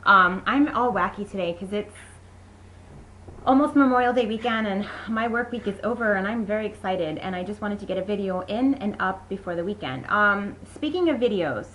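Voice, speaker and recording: A woman's voice: medium pitch, lively intonation, moderate pace, fairly bright tone, a little hiss or hum, poor audio. A young woman chatting casually and enthusiastically as she reviews beauty products, rambling a little with fillers. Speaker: beauty vlogger.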